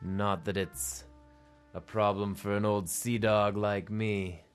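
A man playing a world-weary old seafaring private detective in a gruff, brooding, self-dramatizing noir monologue style for a comic radio play. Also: fairly low pitch, fairly even intonation, takes it slowly. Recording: music playing under the voice.

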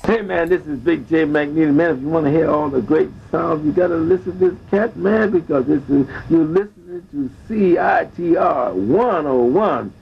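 A man doing a hip, jive-talking radio station ID in a gravelly, husky voice. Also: a little high, expressive, moderate pace, few pauses, highs cut off, exaggerated voice.

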